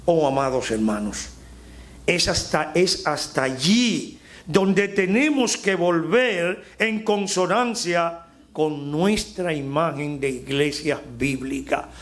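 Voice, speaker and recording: Man, Dominican accent, pastor preaching, fairly high voice, slow emphatic delivery. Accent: Dominican Spanish. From Dominican Republic. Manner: emphatic preaching, slowing and rising on key phrases. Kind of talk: sermon.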